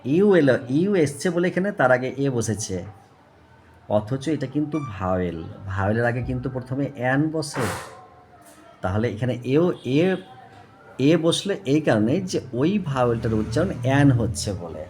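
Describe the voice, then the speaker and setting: Slow, lively-pitched tutor. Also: male voice, a little hiss or hum. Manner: slow, repeats and spells out words, asks "okay?". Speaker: English tutor. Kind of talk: explaining English grammar to students.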